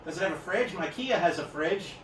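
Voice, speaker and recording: A cheeky young guy, as a comedian puts him on, cocky and teasing, his voice a touch high. It is heard from a distance in an echoey room, with party noise behind. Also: animated, brisk. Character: cheeky young man in a small car. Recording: roomy distant party recording.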